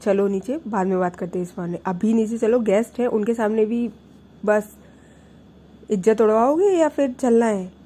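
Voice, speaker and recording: A woman's voice: a little high, moderate pace, mellow, husky. A woman voicing a stern middle-aged mother who gives curt orders.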